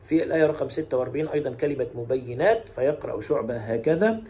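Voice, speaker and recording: A man teaching variant Quran readings, alternating brisk explanation with slow, melodic chanting of verses. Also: mid-range voice, lively intonation, warm tone.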